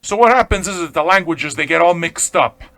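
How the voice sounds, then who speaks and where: Brash higher-pitched man ranting on radio. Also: a little fast, bright, forceful tone, dry recording. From Montreal, Quebec. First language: Italian. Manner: brash, profane, combative; emphatic, repeats phrases and checks in with "okay?". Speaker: online pirate radio host. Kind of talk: off-the-cuff ranting monologue.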